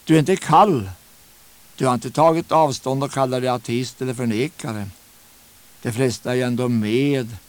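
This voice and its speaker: A man preaching a sermon in an earnest, emphatic way, putting direct questions to his listeners and slowing down to stretch key words. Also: mid-range voice, dry recording.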